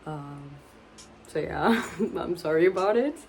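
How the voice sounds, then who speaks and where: A book vlogger in her twenties, a native Portuguese speaker, chats casually to camera at home with her pets around, a bit awkward and rambling and laughing often. Her low, creaky voice moves with lively intonation, and she takes her time. A faint hiss or hum sits under the audio.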